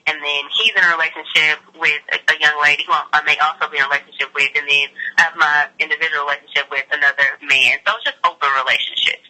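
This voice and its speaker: A woman's voice: low voice, steady tone, fast talker, hardly any pauses, pushed and bright, poor audio. A woman speaking over the phone in a casual interview, chatting informally as a guest sex educator with frequent filler "like". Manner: informal, peppers speech with "like". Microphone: telephone call.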